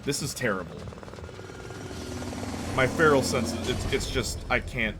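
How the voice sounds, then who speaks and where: Unhurried and mid-range in voice, this gaming streamer banters casually with his viewers while playing, cracking jokes and laughing a lot. Background hiss runs through the recording.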